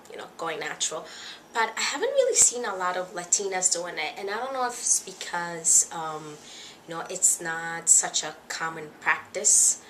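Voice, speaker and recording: A woman's voice: fairly low pitch, bright, forceful tone, slight background noise. A young woman from the Dominican Republic talking casually to camera in a vlog, hesitant and a little nervous, with many fillers. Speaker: vlogger.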